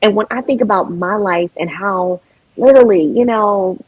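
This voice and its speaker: A woman's voice: medium pitch, moderate pace, breathy edge, no echo, muffled recording. A middle-aged woman, a singer and guest on a podcast, talking in an emotional, heartfelt way, laughing often and restarting her sentences. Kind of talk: casual podcast conversation.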